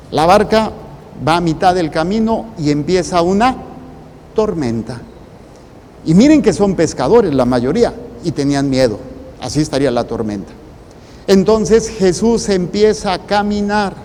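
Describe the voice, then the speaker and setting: Male priest, Mexican accent, mellow tone, deliberate phrasing, long reverb and faint noise. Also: fairly high pitch. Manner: deliberate, in short broken phrases with pauses. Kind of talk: preaching a sermon.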